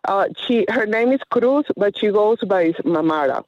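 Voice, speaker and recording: A woman calling in to a radio show over a phone line, speaking in a hesitant, halting way with many fillers. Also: mid-range voice, animated, no echo. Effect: caller heard over a phone line. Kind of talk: phone-in conversation. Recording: dull phone-line sound.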